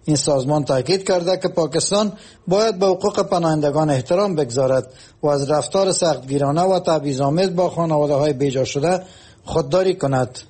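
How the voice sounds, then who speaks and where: A man reads scripted radio news. He keeps the delivery formal and even, in a slightly high voice with a husky, breathy edge. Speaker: newsreader.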